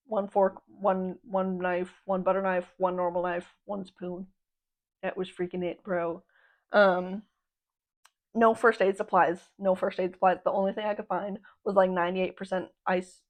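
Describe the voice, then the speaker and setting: A woman's voice: mid-range voice, muffled recording. A young adult woman hosting a podcast, rambling in casual slangy chat, swearing freely and laughing between remarks. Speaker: podcast host.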